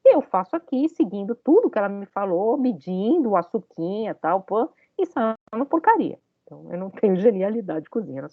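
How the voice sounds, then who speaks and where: A woman's voice: mid-range voice, sing-song, a little fast, no room sound, phone-quality sound. A woman giving a university lecture, talking it through with many hesitant fillers and questions to her students.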